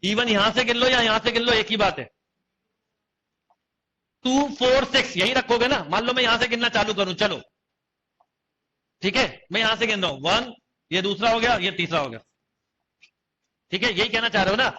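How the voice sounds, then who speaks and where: A man's voice: high-pitched, normal speed, long pauses, bright, forceful tone. A young man teaching a maths class to students, often quizzing them and repeating key phrases. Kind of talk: online coaching class lecture. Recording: dull lo-fi class recording.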